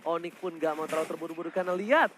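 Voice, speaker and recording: A man with an Indonesian accent doing excited, dramatic play-by-play commentary as an esports caster. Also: fairly high pitch, racing, a little hiss or hum. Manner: dramatic, exclamatory. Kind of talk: excited live game commentary.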